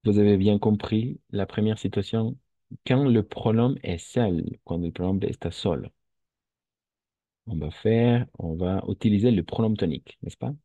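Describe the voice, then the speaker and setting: A male French teacher with a low, mellow voice, talking unhurriedly. He repeats each point and keeps checking that his students follow. The sound is dry and a little dull. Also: measured pace, dry recording. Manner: patient, repeats and checks understanding. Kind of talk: online French lesson for Spanish speakers.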